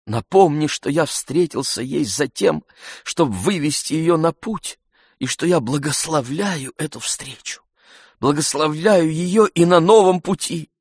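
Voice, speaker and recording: A man voicing an emotional middle-aged gentleman who gushes and exclaims, in a read-aloud story. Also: a little high, measured pace, husky, no echo, studio quality, voice pushed up. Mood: elated. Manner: excited, gushing exclamations.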